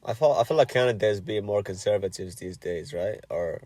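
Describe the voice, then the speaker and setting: A man's voice: fairly low pitch, brisk, a little mellow, dry recording. A man in his twenties from Algeria, chatting with strangers online in a blunt, curious way and swearing freely. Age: 20s. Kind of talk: casual chat.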